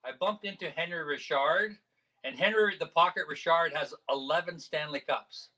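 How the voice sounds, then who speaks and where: A man's voice: fairly high pitch, moderate pace, bright, forceful tone, rough recording. A man from Saskatchewan, Canada, joining a video call by phone and telling a rambling, self-deprecating story in a jovial, casual way. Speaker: guest performer.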